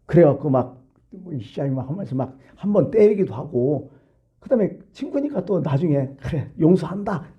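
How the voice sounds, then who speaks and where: A man's voice: on the high side, sing-song, fairly quick, dull audio. A middle-aged male pastor giving a sermon in a colloquial, storytelling way, full of rhetorical questions.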